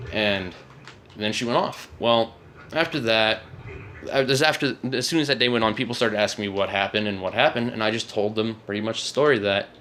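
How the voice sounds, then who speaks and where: Young male vlogger, low-pitched, rambling and self-correcting storyteller, faint background noise. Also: a bit bright. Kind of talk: casual storytime rant.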